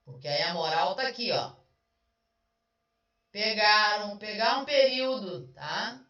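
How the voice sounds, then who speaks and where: A woman teacher goes through exam answers step by step, chatty and questioning. Her voice is bright and keen. It sounds dull and far from the mic, in a very echoey room. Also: medium pitch, animated, measured pace. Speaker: Portuguese language teacher. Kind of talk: online exam review lesson. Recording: roomy, distant, dull sound.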